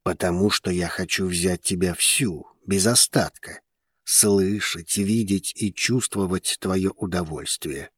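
Guy doing a brooding jealous man, deep slow gruff murmur. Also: darkish tone, dry recording, studio quality. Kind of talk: audiobook character voice.

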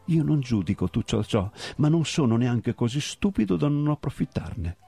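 A man reading aloud and voicing an older customs officer who talks slowly in a smooth, falsely friendly way, with a gravelly, husky voice. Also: medium pitch, big pitch swings, mellow, no room sound, voice pushed up, full character voice. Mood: scheming. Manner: smooth, falsely affable, drawn out. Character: smiling, scheming older male customs officer.

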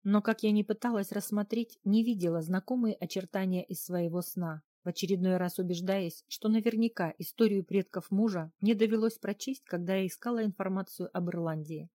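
A woman narrating a novel in the first person in an even, reflective reading. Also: medium pitch, brisk, few pauses, no echo, studio quality. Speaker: audiobook narrator.

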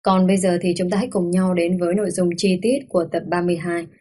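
A woman narrating a romance audiobook, reading in a measured, softly expressive way. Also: lowish voice, no echo. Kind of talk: scripted story narration.

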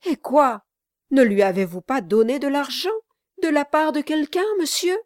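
A woman reading an audiobook aloud, voicing an anxious, kindly older gentleman who questions earnestly. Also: a little high, lively intonation, unhurried, no room sound, clean studio sound, pitched above the performer's own voice.

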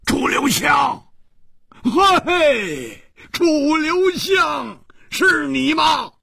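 A male storyteller voicing a brash, boisterous young swordsman who shouts and stammers excitably. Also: high-pitched, normal speed, breathy edge, dry recording, pitched above the performer's own voice, heavily acted. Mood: overjoyed.

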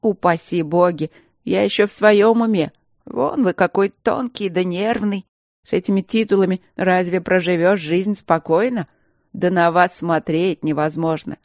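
A narrator voicing a brisk, scolding middle-aged married nurse in an audiobook. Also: mid-range voice, dry recording, clean studio sound, lightly acted. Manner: loud, scolding, matter-of-fact. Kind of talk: audiobook character reading.

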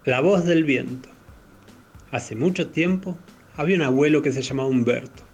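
A man with an Argentine accent reading a child's legend aloud, carefully and in measured phrases. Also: fairly high pitch, a little mellow, husky. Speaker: parent reading a child's story.

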